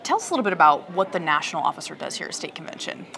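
A woman's voice: deep voice, sing-song, racing, gravelly, a bit bright. A woman hosting a preshow broadcast, asking questions in a playful, conversational way in a hotel hall. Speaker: preshow host.

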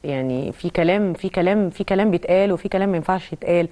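Egyptian actress guest, talks super fast, emotional storytelling. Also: female voice, lowish voice, dark tone. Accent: Egyptian Arabic. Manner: emotional, tells anecdotes with acted quotes. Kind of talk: TV interview.

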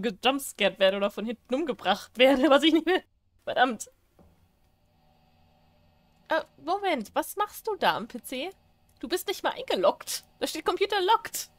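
High-pitched woman gaming, teasing the characters and laughing a lot, reads out the prompts. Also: dry recording, studio quality. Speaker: gaming YouTuber. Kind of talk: let's play commentary.

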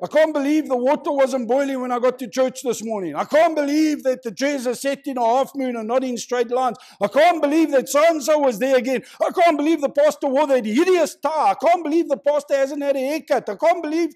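A man's voice: very high-pitched, fairly quick, hardly any pauses, darkish tone, voice pushed up. A man mimicking a petty, complaining churchgoer who whines about every small thing, in a sermon. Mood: indignant.

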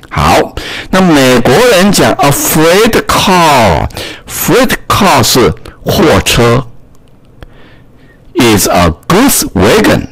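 A man's voice: mid-range voice, breathy edge, no echo. A man teaching a reading lesson, explaining step by step and repeating key words. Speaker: English teacher.

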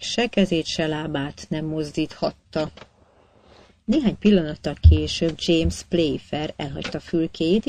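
A woman narrating an audiobook in a measured, even storytelling manner. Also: sits low. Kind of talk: scripted narration.

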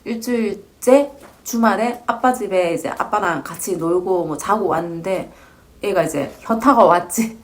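A woman's voice: medium pitch, measured pace. A woman in her forties, a divorced mother, telling her own story in an earnest, reflective, casual way. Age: 40s. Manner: earnest, reflective, speaks in short informal phrases.

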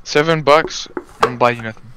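A man's voice: medium pitch, brisk, noisy background. A young man on voice chat with a friend while gaming, bantering and playfully bossing him.

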